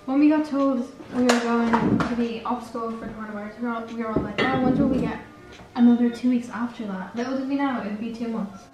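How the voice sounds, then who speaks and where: This is a fast-talking teenage girl with a slightly high voice and fairly even intonation, rambling and self-correcting through a casual baking vlog in her home kitchen. The highs are cut off. Her camera sits across the room, so the distant mic picks up kitchen echo and background music.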